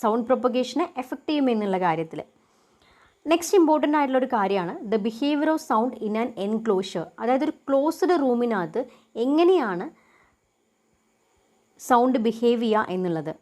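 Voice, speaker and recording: A young woman teaching a lesson. She poses questions and answers them herself, and reads English definitions out slowly. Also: fairly high pitch, expressive, darkish tone. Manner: asks and answers her own questions. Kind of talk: lecture explaining a topic.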